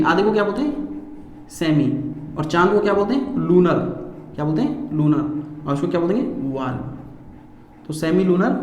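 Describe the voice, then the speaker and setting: A man's voice: high voice, slight background noise. A man teaching a lesson to students, asking rhetorical questions while he draws and repeating key words. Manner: calls students "beta" and often says "theek hai". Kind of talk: classroom-style lesson. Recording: echoey room with faint ambience.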